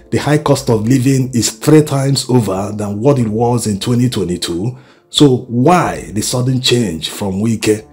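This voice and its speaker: Male Nigerian political commentator, mid-pitched, emphatic and exhorting, light music bed. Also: darkish tone. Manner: emphatic, exhorting, uses rhetorical questions. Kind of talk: opinionated political commentary to camera or voice-over. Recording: music behind the voice. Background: background music.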